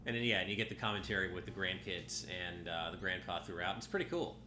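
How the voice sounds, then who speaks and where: A man streams a video game and chats casually as he plays, his low, slightly nasal voice moving quickly with lively intonation and often breaking off mid-sentence. Game music plays behind this casual live-stream commentary, with some background noise.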